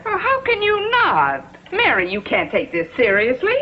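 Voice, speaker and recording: A woman's voice: sits high, wildly swooping pitch, normal speed. An actress playing a cheerful, good-humored mother who teases and reassures her daughter in a 1950s TV sitcom. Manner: light, teasing, reassuring. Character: breezy good-humored mother, teasing, unflappable. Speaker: mother on a trip. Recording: dull old TV soundtrack with hiss and audience noise.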